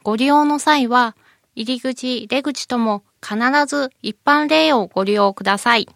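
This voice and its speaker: A woman's voice: a little high, normal speed, gravelly, fairly bright tone, dry recording, studio quality. A woman guest with a cute, moe anime-girl voice, politely presenting scripted information as a company representative. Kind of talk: scripted informational interview segment.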